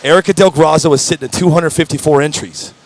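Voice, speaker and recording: A talkative man hosts live interviews at a racing event. His voice sits a little high, and he talks in an eager, promotional way. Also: quick pace. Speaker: host.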